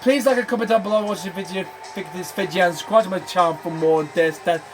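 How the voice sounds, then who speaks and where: With music playing in the background, a gaming channel host with a high voice talks fast about a racing management game. He's losing his voice and keeps repeating "then" and "I'm afraid."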